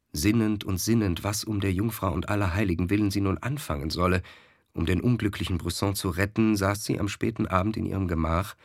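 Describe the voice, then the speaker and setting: A man reading a classic German story aloud in a measured narration. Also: lowish voice, dry recording, clean studio sound. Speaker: audiobook narrator. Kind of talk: scripted literary narration.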